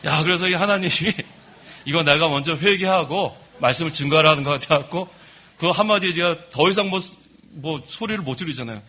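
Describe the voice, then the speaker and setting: A middle-aged man preaching a sermon from the pulpit of a church, telling stories about himself in a lively way. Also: fairly high pitch, a little fast, a little hiss or hum. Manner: lively storytelling, admits his own faults. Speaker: pastor. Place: church sanctuary.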